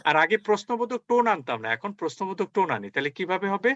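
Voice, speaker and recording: A man's voice: high voice, big pitch swings, fast, a bit bright, highs cut off, a little hiss or hum. A man teaching English as a spoken lesson, coaxing his learners along with many rhetorical questions.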